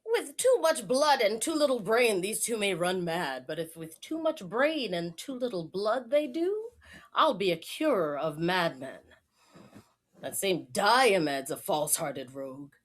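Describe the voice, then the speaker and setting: A scurrilous fool, played by a woman who rails and sneers in hammy Shakespearean stage style. The delivery is declamatory and highly animated, leaping around in pitch. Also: unhurried. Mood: scornful. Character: scurrilous, sneering fool railing at warriors and lovers. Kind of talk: theatrical Shakespearean stage acting.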